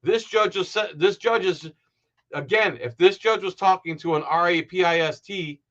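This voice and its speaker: Bright-voiced man ranting on a live stream. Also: high voice, normal speed, lo-fi sound. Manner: heated, sarcastic ranting. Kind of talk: casual live stream commentary.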